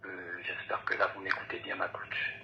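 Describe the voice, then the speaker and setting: A man's voice: sits low, monotone, moderate pace, gravelly, bright, forceful tone, whispered. A young man calling an advice show by phone, hesitant and polite with many ums, emotional and near tears. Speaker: caller. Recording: dull phone line, faint noise.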